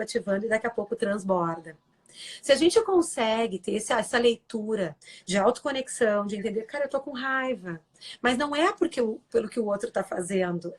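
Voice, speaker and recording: A woman with a voice on the high side and a breathy edge appears as a guest on a live stream, giving an earnest, explanatory talk. She acts out quoted lines and often checks in with tag questions.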